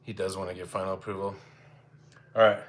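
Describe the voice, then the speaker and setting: Here the cooking-stream host speaks quickly in a low, level voice, talking casually to viewers and thinking aloud in his home kitchen. Dishes and cutlery clatter in the background of an otherwise clear recording.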